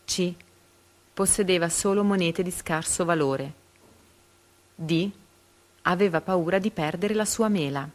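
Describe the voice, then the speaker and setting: Reading quiz questions on reading comprehension along with the answer options, this fairly low-pitched woman pauses with care after every letter.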